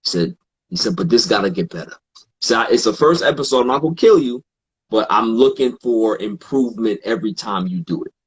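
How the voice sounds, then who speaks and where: A man guesting on a podcast, telling stories in a relaxed, casual way and acting out what others said. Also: fairly low pitch, fairly quick, slightly rough. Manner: relaxed, quotes others in animated asides, frequent fillers. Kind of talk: casual storytelling in conversation.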